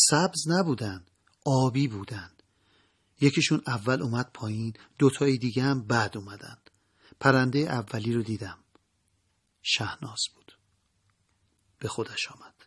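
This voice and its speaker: A man narrating a first-person memoir in a measured, solemn way that often drops soft. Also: medium pitch, slightly rough.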